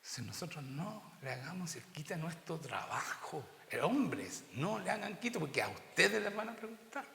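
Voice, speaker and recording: A man's voice: fairly high pitch, sing-song, normal speed, creaky, hardly any pauses, pushed and bright, a little hiss or hum. A middle-aged man with a Chilean accent preaching a sermon as pastor, often asking the congregation rhetorical questions. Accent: Chilean Spanish. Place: church. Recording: roomy church hall reverb.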